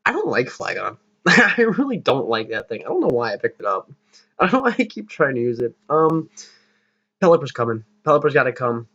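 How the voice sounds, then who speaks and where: A man's voice: mid-range voice, big pitch swings, brisk, bright, forceful tone. A young man casually talking through his team plans for a league battle, rambling and poking fun at himself. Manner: rambling, self-deprecating, laughs at himself. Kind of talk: casual gaming commentary. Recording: slightly dull lo-fi mic.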